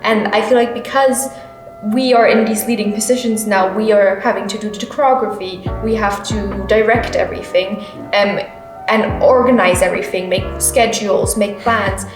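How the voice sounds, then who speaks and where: A woman's voice: medium pitch, fairly even intonation, moderate pace. A woman in her twenties, a theater student, answering interview questions in a thoughtful, plain way. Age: 20s. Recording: echoey room with music behind.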